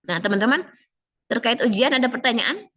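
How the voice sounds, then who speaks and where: A woman instructor coaching an online class, slightly hoarse, chatty, and quizzing students by name. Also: a little high, expressive, brisk, a bit bright, no echo, highs cut off. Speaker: civil service training instructor.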